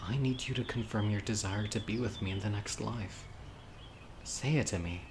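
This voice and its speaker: Speaking in a lowish, gravelly voice, a man acts as a dying young male witch whose yandere devotion to his beloved is obsessive. The mood is calm yet ominous as he pleads with the listener, deliberate and intimate, in an audio roleplay monologue. Outdoor ambience of crickets, insects and birds sits behind him.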